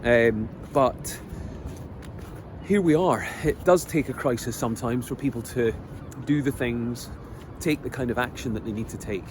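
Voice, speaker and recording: Standing outdoors on a coast, a middle-aged vlogger from Scotland muses aloud in a personal monologue, his mid-range voice slow and sincere. Frequent pauses and ums break up his speech. Passing vehicles and other outdoor noise can be heard behind him.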